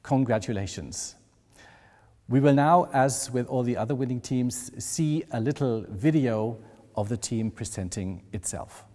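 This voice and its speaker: A man's voice: medium pitch, dark tone. German man making a proud formal announcement. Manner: measured, proud ceremonial delivery. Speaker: award presenter. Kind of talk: formal speech to camera. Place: wood-panelled room, indoors. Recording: long hall reverb.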